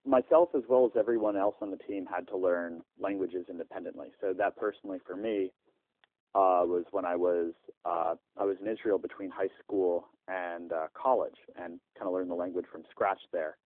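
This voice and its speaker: Speaking by landline, a startup founder with a low voice fields interview questions, answering at length and frequently restarting or saying "uh." His intonation is fairly even and his speed normal. The line is thin and dry.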